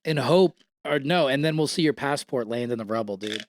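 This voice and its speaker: A man's voice: mid-range voice, brisk, a little hiss or hum. A man co-hosting a casual comedy podcast, joking and acting out quotes in goofy voices. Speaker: podcast co-host.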